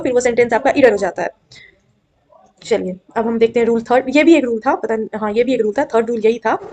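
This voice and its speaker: A woman's voice: high voice, a little mellow. A young woman teaching an exam-prep grammar lesson, coaxing and checking often that students follow. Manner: coaxing, repeatedly checks understanding.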